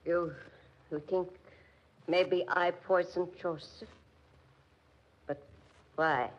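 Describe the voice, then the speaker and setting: In a 1940s radio drama, an actress voices a gentle, anxious German immigrant widow, her German-accented speech coming in halting, formal, pleading phrases. The female voice is lowish with fairly even intonation, heard through a muffled vintage 1940s radio recording.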